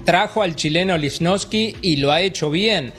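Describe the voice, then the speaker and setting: A man giving a measured analysis on a football panel. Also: high-pitched, a bit bright, faint music behind. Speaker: football pundit. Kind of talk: sports panel talk.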